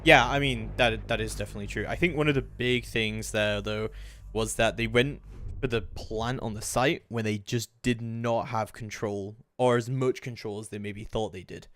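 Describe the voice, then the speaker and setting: Speaking on the low side at a moderate pace, a man commentates live on a video game as an esports caster. His play-by-play is analytical and hedged, building into excited calls.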